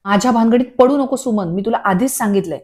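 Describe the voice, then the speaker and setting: A woman's voice: fairly high pitch, fast, darkish tone, close to an everyday voice. A woman voicing an angry, scheming husband in a TV serial recap, talking in a snappy, threatening way. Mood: snapping. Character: angry scheming husband, middle-aged man.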